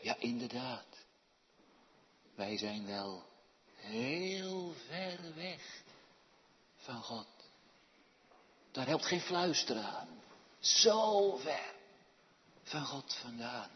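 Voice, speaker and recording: A man preaching a sermon, dropping to quiet asides and rising to loud, urgent appeals. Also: medium pitch, lively intonation, slow pace, long pauses, in a large hall, muffled recording, slight background noise. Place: church.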